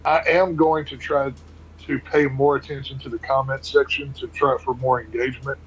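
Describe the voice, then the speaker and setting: A man with a husky voice, a podcast guest bantering with joking, boisterous trash talk. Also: mid-range voice, little pitch movement, moderate pace, dull audio, slight background noise. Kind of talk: casual banter.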